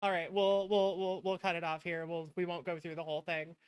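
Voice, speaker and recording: This live stream host is a woman with a lowish, smooth voice that barely moves in pitch, speaking a little fast with no echo. She chats casually to viewers in an affectionate, effusive, thankful way.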